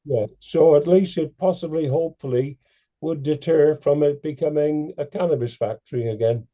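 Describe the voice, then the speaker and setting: A hoarse man speaking earnestly and emphatically as a town councillor in a committee meeting. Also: fairly high pitch, normal speed, warm tone, highs cut off.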